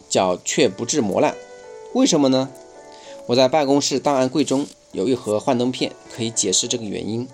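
A man reading a first-person nonfiction book aloud in a measured, explanatory way. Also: mid-range voice. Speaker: audiobook reader.

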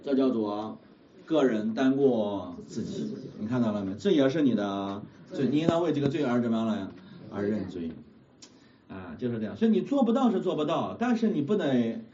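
A man preaches at a quick clip with a lively, swooping voice, questioning the congregation again and again and breaking into laughter. He is picked up from a distance in a church hall, and the sound is muffled, with clear background noise. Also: medium pitch. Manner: keeps asking the congregation questions and laughs often. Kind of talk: sermon with call-and-response. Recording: muffled, distant, noisy room recording.

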